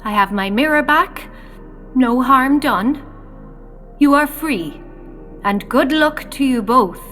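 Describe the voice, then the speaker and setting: A woman's voice: high-pitched, animated, slow, a bit bright, soft background music, full character voice. Commanding, coolly gracious Snow Queen. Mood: soothing, gracious. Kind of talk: children's audio drama acting.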